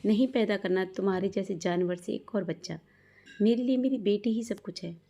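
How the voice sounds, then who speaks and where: A woman's voice: medium pitch, moderate pace, warm tone, natural voice. A woman voicing a desperate young mother who cries out in defiance in a narrated story. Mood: defiant. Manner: crying out in defiance.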